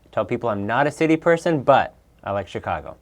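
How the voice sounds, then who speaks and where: A man in his thirties who grew up in Peru and Bolivia speaks as an interview guest and executive coach. His mid-range voice swings widely in pitch at a quick pace, and he talks casually and enthusiastically, upbeat and often restarting sentences.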